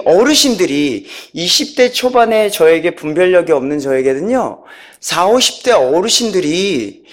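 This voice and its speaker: Brief: man, personal testimony; high, very lively pitch; animated, chuckling storyteller who acts out quotes. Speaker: speaker giving a church testimony.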